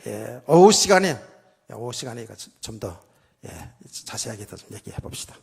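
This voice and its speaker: A man's voice: medium pitch, expressive, moderate pace, vocal fry, breathy edge. A middle-aged male pastor preaching a conversational sermon, acting out quoted voices. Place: church sanctuary. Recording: long hall reverb.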